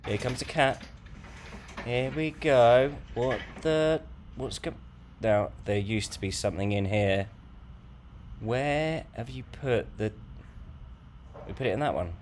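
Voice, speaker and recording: A man narrating a home vlog in a jokey, teasing, lively way. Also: on the low side, unhurried, slight background noise. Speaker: co-host, husband. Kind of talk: playful vlog voice-over.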